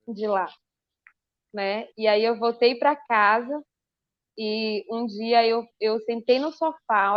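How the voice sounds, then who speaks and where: A woman, a religious sister, giving a lively personal testimony on a podcast and acting out her own past dialogue. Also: on the high side, dry recording, lo-fi sound.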